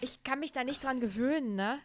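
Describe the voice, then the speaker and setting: A woman's voice: high voice, brisk. A young woman co-hosting a podcast, casually retelling a book chapter with many fillers. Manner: chatty retelling with frequent fillers. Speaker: podcast co-host. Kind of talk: casual book-discussion chat.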